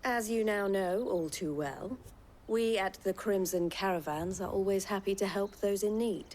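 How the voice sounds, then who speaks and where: A woman's voice: mid-range voice, normal speed, a little mellow, a little hiss or hum, close to an everyday voice. A woman playing a shrewd, formal caravan leader in a video game, courteous with a saleswoman's polish. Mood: smug, businesslike. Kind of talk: video game drama acting.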